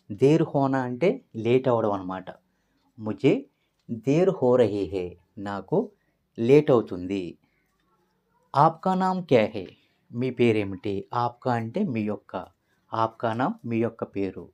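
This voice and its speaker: Lively-voiced man teaching phrases. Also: mid-range voice. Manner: patient, repeats each phrase slowly. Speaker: language teacher. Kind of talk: explaining phrases word by word.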